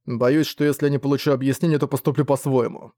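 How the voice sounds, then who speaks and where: A man voicing a calm, cheeky young male magician who answers his parents flatly, in an audiobook. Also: medium pitch, quick pace, no room sound, studio quality, lightly acted. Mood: defiant.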